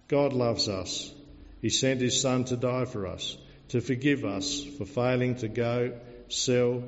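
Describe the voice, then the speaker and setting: A man, a pastor, preaching an earnest sermon and telling a story to illustrate it, in a measured way. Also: medium pitch. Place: church. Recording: dull recording, long church reverb.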